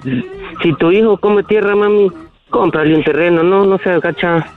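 A man's voice: sits high, normal speed, loud music behind the voice. A Mexican man calling in to tell teasing jokes on a radio show. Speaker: caller. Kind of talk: joke-telling on a radio show. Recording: tinny phone line.

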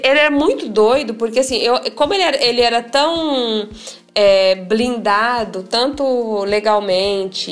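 A woman speaking as an interview guest, with a gravelly, creaky edge to her voice. She tells her story in an animated way, stopping and restarting and acting out what others said. Soft music plays faintly in the background. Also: medium pitch. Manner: animated, many restarts and quoted dialogue.

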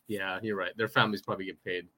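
A man's voice: low voice, pushed and bright. A man co-hosting a podcast in casual chat, laughing often and repeating himself as he tells a story. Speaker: podcast co-host.

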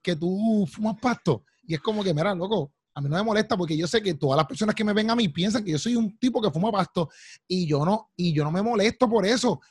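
A young Puerto Rican man who talks fast and animated, with a slightly husky voice. The sound is dry and close, with no room around him. He tells his stories with plenty of "loco" and "papi". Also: high voice, no room sound. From Puerto Rico. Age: young adult. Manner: animated storyteller, calls friends "loco" and "papi". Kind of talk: casual chat.

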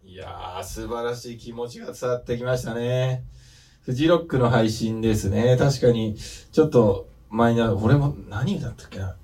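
A man hosting a comedic talk show, firing off sharp, quick retorts and steering the conversation. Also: mid-range voice. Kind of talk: casual comedic chat.

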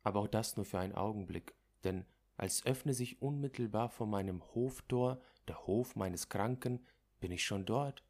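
A man reading a literary story aloud as narrator, in a measured, dramatic way. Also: lowish voice, a little mellow.

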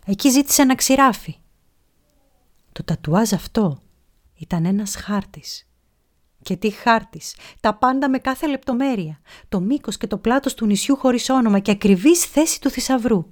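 A woman reading a children's pirate story aloud, expressive, dropping to a whisper at tense moments. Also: fairly high pitch.

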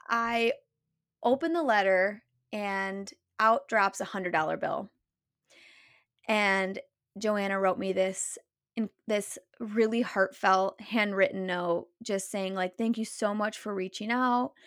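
A woman's voice: mid-range voice, dry recording, clean studio sound. Chatty young woman telling her story. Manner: animated retelling with many likes and quoted voices. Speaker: podcast guest. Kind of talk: storytelling in casual conversation.

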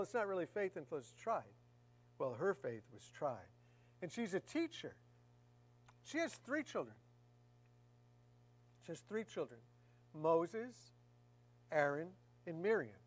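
Conversational woman preacher repeating key phrases. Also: lowish voice. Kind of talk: sermon.

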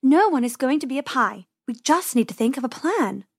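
A woman's voice: sits high, expressive, fairly quick, slightly rough, no room sound, clean studio sound, exaggerated voice. A woman voicing a brave, sensible young girl rabbit who talks in an urgent, bossy, earnest way. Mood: urgent planning.

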